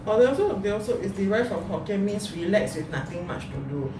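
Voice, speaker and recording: A woman's voice: medium pitch, animated, quick pace, noisy background. A Singaporean woman co-hosting a video, chatting casually in Singlish with local particles and phrasing. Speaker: video co-host. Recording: echoey, distant mic, music behind.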